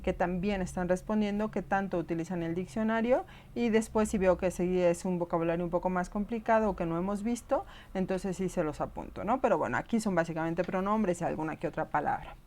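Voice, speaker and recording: A woman's voice: fairly low pitch, fairly quick, few pauses, a little mellow. A woman giving a recorded online lesson, explaining patiently and often checking whether her students follow. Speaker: teacher.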